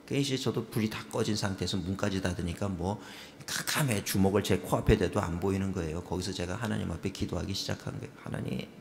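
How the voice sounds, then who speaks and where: A middle-aged man preaches a revival sermon with a gravelly, creaky voice, telling stories and throwing questions at the congregation. His voice rings through a church sanctuary with a long reverb tail and a faint hum of ambience. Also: lowish voice. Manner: storytelling, questions the congregation, acts out his own prayers. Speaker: pastor.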